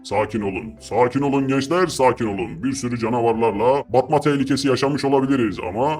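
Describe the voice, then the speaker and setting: A man's voice: mid-range voice, music in the background, close to an everyday voice. A man voicing a submarine captain in a game video, hurrying players with orders. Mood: bossy. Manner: hurried orders. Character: bossy submarine captain, male adult.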